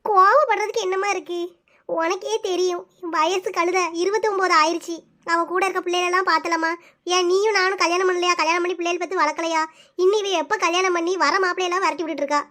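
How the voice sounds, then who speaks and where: A woman's voice: extremely high pitch, fairly even intonation, fast talker, sharp tone. A woman voicing a worried, scolding middle-aged village mother in a cartoon, grumbling to herself. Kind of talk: cartoon voice-over.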